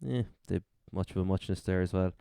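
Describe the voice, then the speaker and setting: A man's voice: low voice, fairly even intonation, a little fast, creaky, dark tone, clean tone, no room sound, studio quality. A man with a Cork accent from Ireland, co-hosting a sports podcast and casually running through updates. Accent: Irish, Cork. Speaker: fantasy football podcast co-host.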